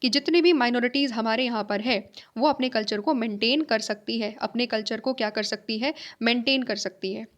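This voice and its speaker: A woman with a high voice teaches a lesson. She explains by posing questions and answering them herself, repeating key ideas. She keeps checking that her listeners are following. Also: brisk, few pauses. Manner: mixes in English phrases, checks understanding with tag questions. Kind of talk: classroom lecture.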